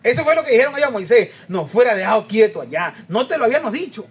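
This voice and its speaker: A man's voice: very high-pitched, big pitch swings, fast talker. A man preaching a conversational sermon, often asking the congregation questions and repeating amen.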